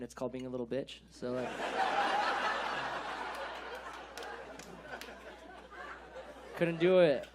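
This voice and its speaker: High-voiced laughing American comic. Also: male voice, slight background noise. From California. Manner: casual slangy delivery, laughs often. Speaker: stand-up comedian. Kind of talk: stand-up comedy set.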